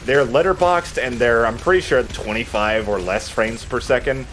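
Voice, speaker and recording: Commentating on his play at a moderate pace, a man with a medium-pitched, somewhat bright voice chats casually and jokes at his own expense. There's a little hiss or hum in the audio.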